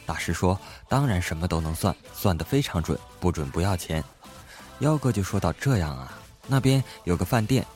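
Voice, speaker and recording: A lower-voiced man tells short comic stories with lively energy. He slips into the voices of the people in his jokes as he goes. Faint music plays under his voice. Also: normal speed. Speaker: joke narrator.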